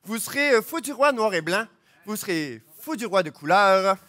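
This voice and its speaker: A man's voice: high voice, sing-song, normal speed, bright, forceful tone. A man with a Québécois accent refereeing a live improv match, announcing themes and rules emphatically.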